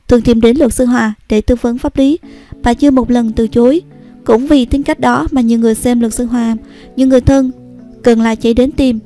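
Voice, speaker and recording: A woman narrating a scripted news report in a steady, even read. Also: on the high side. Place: voice-over recorded apart from the pictured places.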